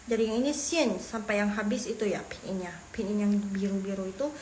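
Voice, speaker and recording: A woman teaching beginner Mandarin in a casual, chatty online lesson, repeating phrases slowly and explaining as she goes. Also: mid-range voice, a little mellow. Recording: echoey room with faint noise.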